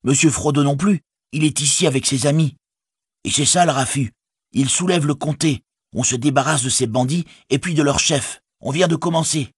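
Brief: man voicing an earnest young male hobbit for a storybook, high, husky, dry sound. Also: moderate pace, no room sound. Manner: earnest, excited. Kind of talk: audiobook reading.

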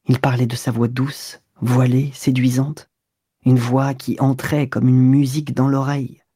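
A woman reading a novel aloud in measured, unhurried literary narration. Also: rumbling low, flat delivery, dark tone, slightly rough, dry recording, studio quality. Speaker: audiobook narrator. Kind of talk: scripted narration.

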